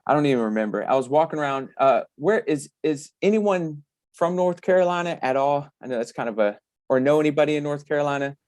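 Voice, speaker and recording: A man's voice: on the high side, lively intonation, fast, darkish tone, dry recording. A man telling personal stories casually to a live audience as a guest speaker, with a slight lisp from missing front teeth, often repeating words and acting out quotes.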